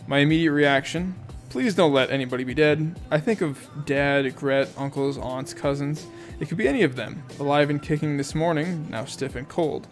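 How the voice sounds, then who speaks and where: A man's voice: on the high side, normal speed, hardly any pauses, faint music behind. A man reading a novel aloud in first person, in a casual amateur audiobook style with asides and self-corrections. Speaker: audiobook reader.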